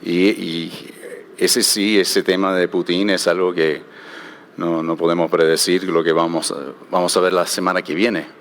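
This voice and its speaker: Man, very deep voice, conference panel talk, halting, repeats words, slight background noise. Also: little pitch movement, a bit bright. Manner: hesitant, repeats words while thinking. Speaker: shipping panelist.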